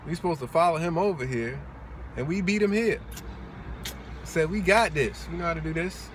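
A young man in a parked car, bantering and teasing in a relaxed way. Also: a little high, moderate pace. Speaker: vlogger, younger brother. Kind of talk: casual chat. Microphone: phone camera on the dashboard, at a distance. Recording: distant voice with outdoor traffic noise.

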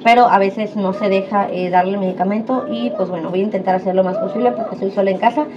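A woman's voice: medium pitch, steady tone, fast. A woman, chatting casually to viewers in a home vlog. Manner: chatty, addresses viewers as friends. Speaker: vlogger. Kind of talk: casual vlog talk to camera. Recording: dull lo-fi sound with clear background noise.

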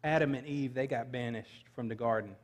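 A man's voice: medium pitch, fairly quick. Middle-aged man, pastor preaching, earnest, scripture reading, long church reverb. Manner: earnest preaching, reads scripture aloud, light asides. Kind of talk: sermon. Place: large church sanctuary stage. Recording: long reverb of a large hall.

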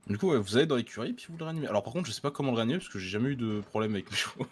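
A man's voice: medium pitch, lively intonation, very fast, a little hiss or hum, lightly acted. A man playing a helpful, patient townsman in a western roleplay, hesitant and full of fillers. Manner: hesitant, many 'euh' fillers. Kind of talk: in-character roleplay.

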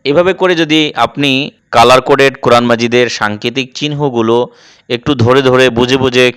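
Guy teaching quran pronunciation, slow and careful, repeats sounds, smooth clear voice, dry close mic. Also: medium pitch, fairly bright tone, no echo. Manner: slow, deliberate, repeats letter sounds to demonstrate. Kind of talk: instructional explanation.

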